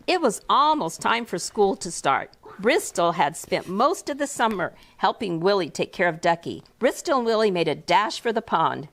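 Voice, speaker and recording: A woman author reading her picture book aloud to a first grade class in a classroom, with an expressive, animated delivery. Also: lowish voice. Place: elementary school classroom.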